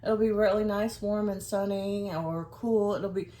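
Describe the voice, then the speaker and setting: A woman's voice: mid-range voice, fairly even intonation, measured pace, warm tone. Rambling woman. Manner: rambling, hesitant, trailing off. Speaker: vlogger. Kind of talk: casual chat to camera.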